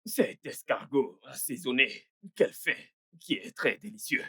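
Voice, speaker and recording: A man's voice: medium pitch, sing-song, unhurried, vocal fry, sharp tone, husky, heavily acted. An actor playing a greedy man who plots a boy's death, boastful and gloating in a dubbed film. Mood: scheming. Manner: gloating, boastful, laughs at his own schemes.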